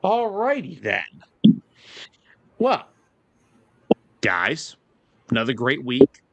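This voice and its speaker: A male sports talk host riffing on football and thanking listeners in a loose, joking way. His voice sits in a middle pitch and is caught close on a dry studio mic, with no room around it. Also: wildly swooping pitch, drawn-out words, creaky, fairly bright tone, dry recording. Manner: brash, joking, rambling sign-off.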